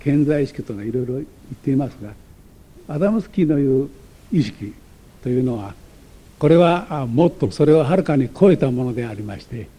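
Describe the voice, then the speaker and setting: Male lecturer, dark husky voice, reads from a text and explains, hesitant and digressive. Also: medium pitch, expressive, brisk. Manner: digressive, many hesitation fillers and self-corrections.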